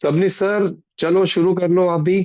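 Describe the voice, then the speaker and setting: A man's voice: sits high, level tone, unhurried, warm tone. Indian male workout coach, roomy dull sound. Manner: urging, repeating short commands and counting aloud. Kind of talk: live exercise class instruction, mixing Hindi and English. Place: online group video call. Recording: dull, roomy video-call audio.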